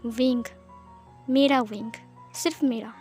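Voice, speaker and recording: A woman's voice: a little high, fairly even intonation, slow pace, darkish tone, slightly rough, faint music behind. A woman voicing a teasing, possessive young husband in a storybook fan-fiction reading, bossy one moment and doting the next. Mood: tender.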